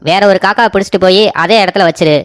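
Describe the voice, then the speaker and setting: A man's voice: high-pitched, racing, music in the background, close to an everyday voice. Man as an impatient old cartoon sage. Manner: impatient, boastful. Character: grumpy old forest sage.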